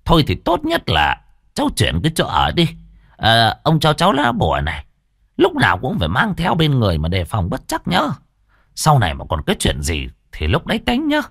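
A man voicing a worried old village shaman who hesitates and fills his pauses with drawn-out sounds. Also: medium pitch, huge pitch swings, creaky, a bit bright, no room sound, clean studio sound, heavily acted. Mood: grave. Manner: hesitant, many drawn-out fillers.

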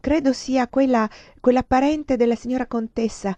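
A woman reading aloud, voicing a nervous young maid who speaks haltingly. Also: sits high, fairly even intonation, mellow, dry recording, voice pushed up, close to an everyday voice. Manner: hesitant, halting.

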